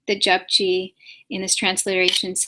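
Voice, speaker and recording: A woman answering viewers' questions in a live-stream class, speaking patiently with many pauses and soft fillers and repeating sounds to show how they are said. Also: medium pitch, monotone, background noise. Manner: demonstrates pronunciation by repeating sounds. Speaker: spiritual teacher answering questions.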